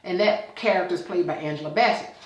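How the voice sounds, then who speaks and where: A woman's voice: on the low side, quick pace, echoey room, slight background noise, rough recording. A woman hosting a show, casually retelling an episode scene by scene and acting out its dialogue. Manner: retells scenes with quoted dialogue, checks in with "okay?". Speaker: show host reviewing a TV episode. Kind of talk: casual recap.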